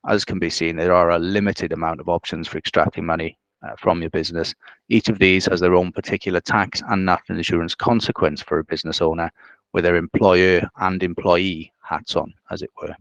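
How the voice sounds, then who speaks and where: A male financial adviser giving a measured, businesslike explanation on a video call. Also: deep voice, fairly even intonation, no room sound.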